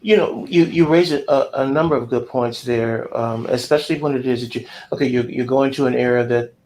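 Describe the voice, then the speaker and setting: A man co-hosting a talk show, asking questions and explaining points in a measured way. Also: mid-range voice, fairly even intonation, darkish tone, slight background noise, poor audio. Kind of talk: conversational interview.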